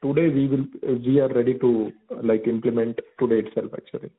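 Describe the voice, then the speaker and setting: A man with a South Indian accent speaking conversationally as a customer on a call, halting and repeating his words. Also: mid-range voice, fairly even intonation. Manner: halting, repeats words and often adds "actually". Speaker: business customer on a sales call. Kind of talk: conversational phone enquiry. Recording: tinny, narrow phone-line audio.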